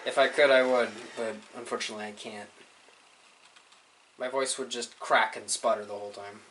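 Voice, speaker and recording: A man's voice: medium pitch, fairly even intonation, normal speed, a bit bright, slight background noise, rough recording. Joking man commenting on a game. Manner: joking, chatty. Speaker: let's player. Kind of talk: casual gameplay commentary. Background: game music.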